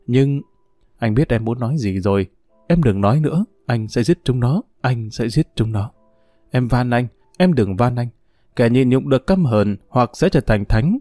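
A man voicing an anguished young man who speaks low and intensely to the woman he loves. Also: dark tone, dry recording, clean studio sound, close to an everyday voice.

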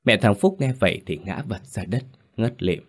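A man's voice: lowish voice, animated, normal speed. A man narrating a village horror story in a grave, tense way.

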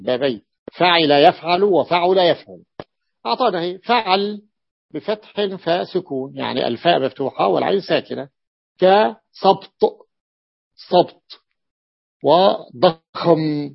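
A man with a raised, gravelly voice gives a classroom lecture on word patterns. He repeats each example slowly and stops to ask his students whether they follow. The recording is dull and dry, like a lo-fi lesson tape. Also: fairly high pitch, expressive, no room sound. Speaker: teacher of Arabic morphology.

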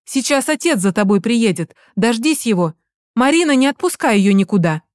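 Hysterical mother, read by a woman, loud, frantic, shouting. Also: on the high side, big pitch swings, moderate pace, no echo, studio quality, pitched above the performer's own voice. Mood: furious. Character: hysterical angry mother on the phone.

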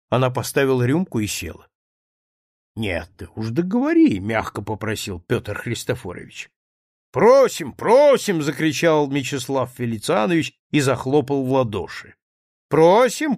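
A male narrator reads a novel with lively swings in pitch. His delivery is expressive and measured. The recording is dry and close. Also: dry recording. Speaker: audiobook narrator. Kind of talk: audiobook reading of a novel.

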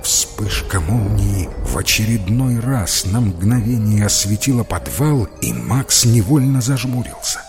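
A man narrating a children's story in an expressive storytelling style. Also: fairly low pitch, unhurried, hardly any pauses, over music. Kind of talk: audiobook reading for children.

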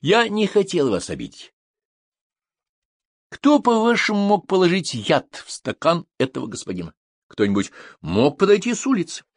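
A man's voice: high voice, wildly swooping pitch, brisk, no echo, clean studio sound, pitched above the performer's own voice, exaggerated voice. A man reading an audiobook, voicing a brusque, impatient male police commissar. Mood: grudging. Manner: brusque, commanding.

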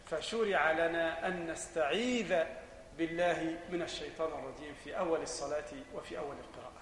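In an echoey room with a big-room sound and slight background noise, a sheikh with an Egyptian accent teaches Islamic jurisprudence. His voice sits high, and he questions and answers himself, swelling into loud, emphatic passages.

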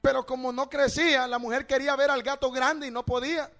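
High-pitched guy preaching hard, goes loud then hushed, keeps saying brother and asking questions. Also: little pitch movement, fairly quick. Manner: fervent, swinging between loud exhortation and hushed storytelling; addresses listeners as brother, asks rhetorical questions. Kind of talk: evangelical sermon.

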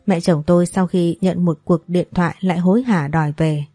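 Calm woman reading a story, dark voice. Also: lowish voice, fairly quick, dry recording, clean studio sound. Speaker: narrator. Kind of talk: first-person story reading. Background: soft background music.

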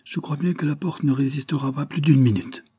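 A man reading the part of a resolute woman alone at night, answering in brief, hushed words. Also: on the high side, steady tone, a little fast, husky, dry recording, pitched above the performer's own voice.

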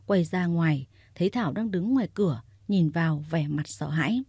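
A woman reading a story aloud in a steady, even narrating voice. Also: lowish voice, moderate pace, slightly rough, dry recording, clean studio sound.

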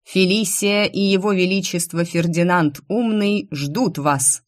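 A woman voicing a loud, pompous male town crier making royal proclamations in an audiobook. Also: a little slow, natural voice. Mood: proclaiming. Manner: booming proclamations.

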